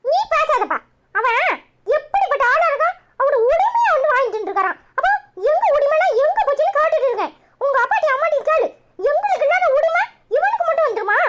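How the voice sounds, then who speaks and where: A woman's voice: extremely high pitch, very animated, fast, heavy background noise. A woman voicing a feisty, stubborn little village girl with a Kanyakumari Tamil accent, arguing sarcastically in a cartoon. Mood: indignant. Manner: sharp, argumentative, sarcastic retorts. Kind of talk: cartoon voice acting.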